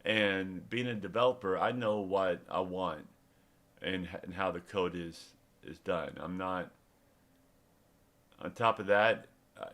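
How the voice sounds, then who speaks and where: A man's voice: low voice, slow, a bit bright. A middle-aged man, a developer and small business owner, talking casually in a rambling live demo with many restarts and fillers. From Texas.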